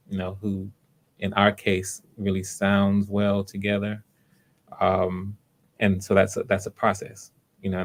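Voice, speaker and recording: A male host and casting director talks casually on a livestream, low-key and hesitant, in a deep-ish voice with flat delivery.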